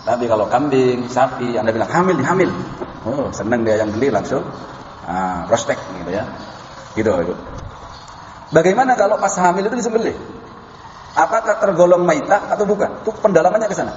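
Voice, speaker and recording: A man's voice: medium pitch, animated, fairly quick, pauses often, a little mellow. Guy doing a religious lecture, quotes arabic, muffled lo-fi audio with a bit of hiss. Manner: recites Arabic verses, addresses listeners as sir and madam, tells anecdotes. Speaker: Islamic preacher lecturing a class. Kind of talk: religious lecture on halal food. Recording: echoey hall, muffled, faint background noise.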